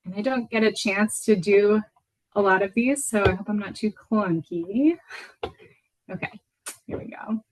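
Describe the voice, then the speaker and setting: A woman in her thirties from Venezuela talks at a mid pitch, presenting her work in a loose, unhurried way. She pads her sentences with fillers, and her phrases often fade softly at the end. It sounds like a video call. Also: background noise. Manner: relaxed, with fillers and soft trailing endings. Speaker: guest lecturer, potter. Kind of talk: casual presentation.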